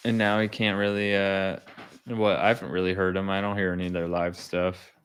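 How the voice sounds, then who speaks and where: A man's voice: low-pitched, level tone, fairly quick, a bit bright, smooth. A man co-hosting a podcast in casual chat, laid-back and swearing. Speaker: podcast co-host.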